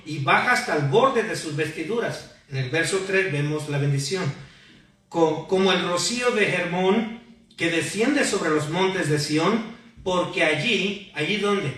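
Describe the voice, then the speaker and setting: A man's voice: sits high, a bit bright. Man preaching in an echoey church. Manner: preaching with call-and-response questions to the congregation. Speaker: pastor. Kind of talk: sermon. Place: church hall. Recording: very echoey hall, mic far off.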